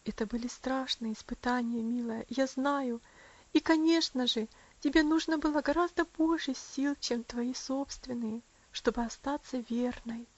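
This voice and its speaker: Woman voicing a tender, gentle young woman. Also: high voice, moderate pace, dry recording, muffled recording, voice pushed up, natural voice. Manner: tender, soothing. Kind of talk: audiobook character voice.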